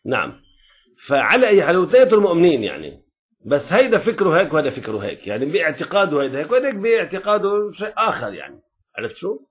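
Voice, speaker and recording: Animated Lebanese man lecturing. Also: on the high side, rapid-fire, highs cut off. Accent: Lebanese Arabic. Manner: animated, keeps checking that students follow. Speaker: religious law teacher. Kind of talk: classroom lecture.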